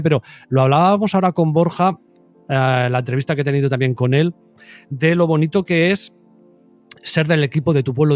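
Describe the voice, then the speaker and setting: A man's voice: medium pitch, a little mellow. A man hosting a podcast interview, asking long rambling questions in a casual chat. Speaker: podcast host.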